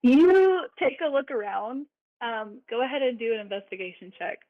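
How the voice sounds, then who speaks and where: A woman's voice: on the high side, expressive, normal speed, dark tone, no echo. A woman narrating a tabletop game as dungeon master, playful and laughing, with frequent fillers. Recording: dry, phone-like sound.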